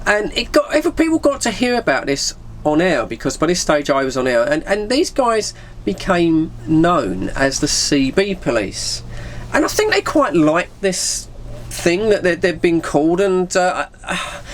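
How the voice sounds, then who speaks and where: With a high voice that swings widely in pitch, a middle-aged Englishman tells a personal story at an unhurried pace. The vlogger rambles casually in heavy British slang and acts out pieces of dialogue.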